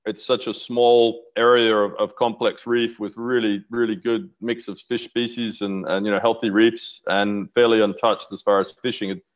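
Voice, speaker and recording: Over a headset on a video call from his home office, a middle-aged aquaculture researcher gives a casual interview, rambling enthusiastically with restarts about his research. His voice sits on the low side and is delivered flatly at normal speed with few pauses. The audio is poor.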